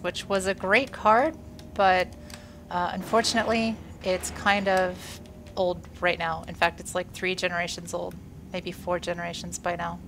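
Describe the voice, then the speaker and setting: This gaming video creator has a rather low, somewhat bright voice with a little background noise. Congested and slightly wheezy from a workout and being sick, she keeps up casual, cheerful talk about the space game she's playing, often saying "uh."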